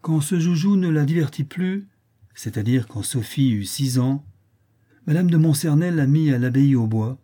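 Dark, husky male storyteller. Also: on the high side, lively intonation. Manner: measured, literary storytelling. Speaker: narrator. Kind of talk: audiobook reading of a classic short story.

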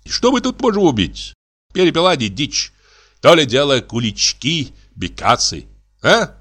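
A man's voice: fairly high pitch, wildly swooping pitch, measured pace, a bit bright, slightly rough, pitched above the performer's own voice, exaggerated voice. A man voicing a fussy, chatty clerk who rambles and coaxes the others. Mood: eager. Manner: eager, rambling, coaxing.

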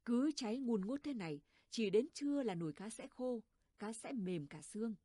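A woman reading a village story aloud in a calm, unhurried manner. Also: fairly high pitch, dry recording, clean studio sound. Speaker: narrator. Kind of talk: storytelling narration.

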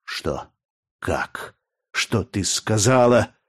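A man's voice: on the low side, animated, very slow, husky, no echo, clean studio sound, exaggerated voice. A man reading aloud, voicing a young gladiator who pours out his love in a breathless, impassioned rush. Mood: desperate. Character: young male gladiator, lovesick and desperate.

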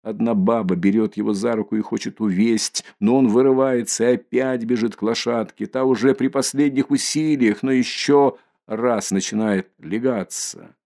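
Gravelly-voiced male audiobook narrator. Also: mid-range voice, steady tone, normal speed, darkish tone. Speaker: audiobook reader. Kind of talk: audiobook narration of a classic novel.

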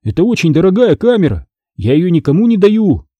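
A man's voice: sits high, big pitch swings, brisk, mellow, no echo, pitched above the performer's own voice. A man voicing a nervous teenage boy in an audiobook, anxious and protesting. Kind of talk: audiobook character voice.

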